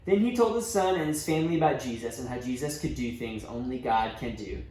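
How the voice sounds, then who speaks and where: Reading aloud to kids as a church storybook reader, this man talks a little fast in a darkish, mid-range voice. His delivery is expressive and dramatic, with asides aimed at the young listeners, and the space has a roomy echo plus faint noise behind him.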